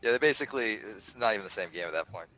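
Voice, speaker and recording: Hosting a video game let's play, a man with a lowish voice reads a funny story aloud very fast, laughing a lot between lines. The audio is poor, with faint music behind, and the casual gaming commentary turns into an animated, dramatic story reading.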